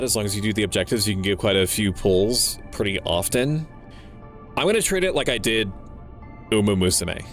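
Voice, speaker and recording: A man livestreaming a game, thinking aloud in casual commentary with a playful, sweary manner. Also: lowish voice. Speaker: livestreamer, VTuber. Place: indoor livestream setup with game music behind.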